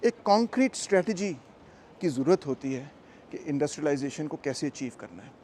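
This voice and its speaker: A man's voice: on the high side, expressive, brisk, darkish tone, a little hiss or hum. A man talking casually to his camera as he narrates a travel vlog and explains things to viewers. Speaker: vlogger and political commentator.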